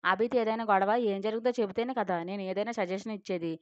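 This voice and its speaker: A woman's voice: medium pitch, fairly even intonation, fast, dry recording, close to an everyday voice. A brash young best friend who scolds in a rush and then talks her friend round with patient advice, read by a woman narrator. The storybook recording is dry and a little dull, with no room sound. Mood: teasing. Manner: loud scolding chatter, then soothing advice.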